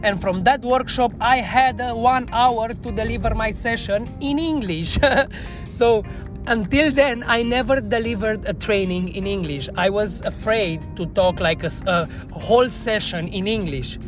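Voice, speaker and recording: Over music, a fairly high-pitched woman speaks at a measured pace. She's a bar trainer guesting on a podcast, a native Romanian speaker using English with a Romanian accent. Earnest and self-reflective, with non-native phrasing, she shares a candid story about herself.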